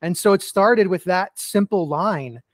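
Middle-aged man, guest speaker, high-pitched, earnest storyteller, dry close sound. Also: measured pace, no echo. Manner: earnest storytelling with many "you know" fillers. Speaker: guest, author and keynote speaker. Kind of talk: casual podcast interview.

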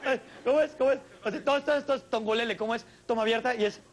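Male comic, exclamatory stage delivery, high-pitched. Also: rapid-fire, a little hiss or hum. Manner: theatrical, exclamatory, addresses live audience. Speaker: stand-up comedian host. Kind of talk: stand-up monologue. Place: television studio stage with audience.

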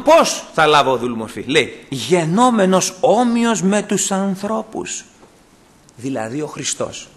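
A man pastor delivering an impassioned sermon, swinging between loud declarations and hushed confession. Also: mid-range voice, creaky, slightly rough.

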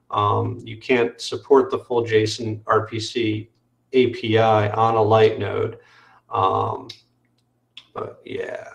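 Gravelly man explaining code on a call. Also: lowish voice, echoey room. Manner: explanatory, frequent "um" fillers. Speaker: developer demoing software. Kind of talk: technical screen-share walkthrough.

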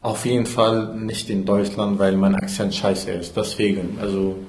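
A man playing an undercover agent posing as a museum worker, speaking halting German with an Arabic accent and a blunt, swearing manner. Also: lowish voice, little pitch movement, a little mellow, roomy sound, natural voice, rough recording. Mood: deadpan.

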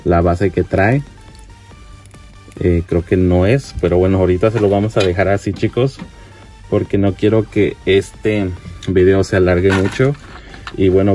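A man giving relaxed, chatty commentary while unboxing toy figures at a display shelf, with plenty of fillers. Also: low voice.

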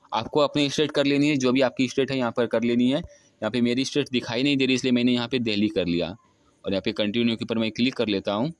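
A roughly twenty-year-old man hosts a spontaneous screen-recording tutorial, explaining a phone app step by step in repetitive narration. His voice is mid-range and the recording is dry.

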